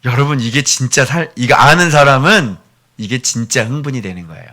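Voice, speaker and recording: A middle-aged man preaching a sermon as pastor, animated, moving between hushed whispers and near-shouts. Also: mid-range voice, brisk. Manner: acts out a doting father's voice.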